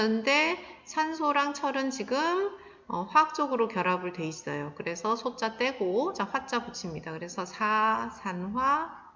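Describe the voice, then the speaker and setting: A woman's voice: a little high, a bit bright. A woman science teacher giving a recorded lesson, explaining step by step with many filler sounds. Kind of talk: recorded classroom lecture. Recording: dull, echoey sound with long reverb.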